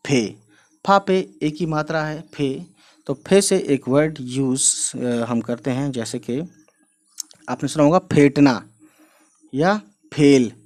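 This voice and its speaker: A male teacher gives a relaxed online writing lesson. He speaks at an ordinary middle pitch and keeps up a friendly running explanation while he writes. He leans on casual fillers to address his viewers. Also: slow, pauses often. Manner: chatty, repeats "you know" and "guys", explains while writing. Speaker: Urdu script teacher.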